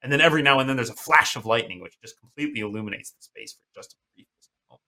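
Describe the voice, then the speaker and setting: A man runs a horror tabletop game as game master. His voice is bright and sits at a middling pitch. He halts often and restarts his phrases as he describes the scene. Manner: halting, many restarts and fillers.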